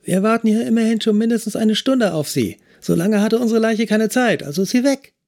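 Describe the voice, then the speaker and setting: A woman's voice: fairly high pitch, expressive, fairly quick, warm tone, pitched above the performer's own voice. A man voicing a cheeky young female police trainee who mocks her boss. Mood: mocking. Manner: sassy, mocking. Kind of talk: audiobook acting.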